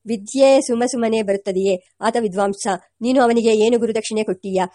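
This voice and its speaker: A woman's voice: on the high side, steady tone, fairly quick, mellow, dry recording, studio quality, lightly acted. A woman voicing a commanding older village elder, a grandfather who speaks in a scolding, authoritative way. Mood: stern, scolding.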